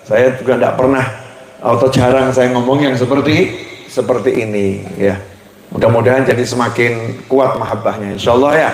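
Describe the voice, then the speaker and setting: Playful preacher, echoey hall. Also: male voice, medium pitch, steady tone, moderate pace, a little hiss or hum. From Indonesia. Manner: playful, chatty, slips into Javanese and laughs often. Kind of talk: lively Islamic sermon. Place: large mosque hall.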